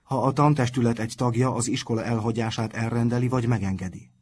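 A man's voice: mid-range voice, steady tone, darkish tone, slight background noise, natural voice. A man reading aloud and voicing a blunt, cheerful teenage schoolboy. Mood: dutiful.

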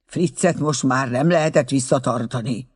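A man narrating an audiobook with expressive storytelling. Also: mid-range voice, husky.

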